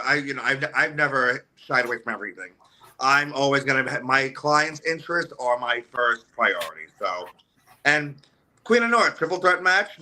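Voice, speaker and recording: Bright-voiced man rambling in an interview. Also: mid-range voice. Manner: rambling with many restarts and "you know" fillers. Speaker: wrestling manager guest. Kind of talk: casual interview talk. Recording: remote call audio.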